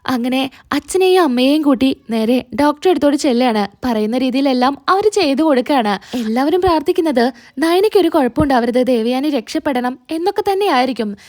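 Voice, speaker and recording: A woman with a high, animated voice and a darkish tone quickly retells an episode of a serial, voicing its lines in passing as she narrates the recap.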